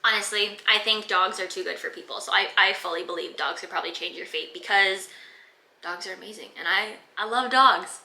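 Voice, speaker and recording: A twenty-five-year-old Canadian fitness vlogger chats casually from her room through a Q and A, leaning on lots of filler words. Her medium-pitched voice is fairly quick, gravelly and sharp, with a reverberant sound.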